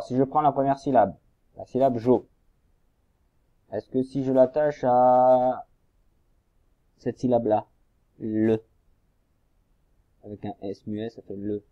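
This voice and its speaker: A man with a mid-range voice walks young children through a reading workbook at a slow, patient pace, spelling out each syllable. The recording sounds dull and lo-fi, like a homemade lesson. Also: mid-range voice, dry recording. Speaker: primary school teacher. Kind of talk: recorded remote lesson, guiding exercises.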